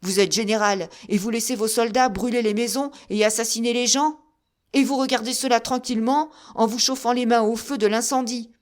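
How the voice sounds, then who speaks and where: A woman voicing a fiery shouting musketeer. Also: a little high, steady tone, brisk, pitched above the performer's own voice, natural voice. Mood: indignant. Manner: indignant, loud exclamations. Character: hot-tempered brave male musketeer. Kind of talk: audiobook character reading.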